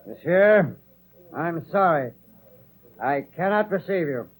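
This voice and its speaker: An actor playing a cold, suspicious innkeeper and gruff jailer in a vintage radio drama, curt and authoritative. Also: male voice, on the high side, lively intonation, takes it slowly, exaggerated voice, poor audio. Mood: cold refusal. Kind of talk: 1930s radio drama acting. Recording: vintage 1930s radio broadcast.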